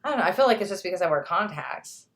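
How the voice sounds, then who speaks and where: A woman's voice: lowish voice, very animated, fast, slight background noise. A woman co-hosting a casual movie podcast, chatty and giggly, reading out film credits. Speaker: podcast co-host.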